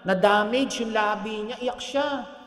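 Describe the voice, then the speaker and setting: A man's voice: sits high, unhurried, fairly bright tone. A man preaching a sermon as pastor, telling a story and asking the congregation for amens, with jokes along the way. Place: church hall. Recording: echoey hall, long reverb.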